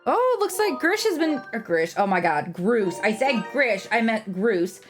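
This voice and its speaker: A woman's voice: fairly high pitch, sing-song, a little slow. A woman streamer giving casual, sarcastic, self-mocking commentary while she plays a game. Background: game music.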